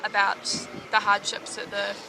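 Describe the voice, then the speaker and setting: A woman's voice: medium pitch, monotone, unhurried. A young woman with a New Zealand accent, a volunteer talking earnestly and chattily to camera, often saying "like.". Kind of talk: casual talk to camera. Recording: loud noise behind the voice.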